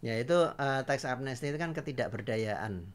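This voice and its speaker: A man's voice: medium pitch, expressive, normal speed. An older man lays out his views in a casual political chat, earnest and emphatic. He lectures patiently and presses his points home. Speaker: father giving views on a livestream.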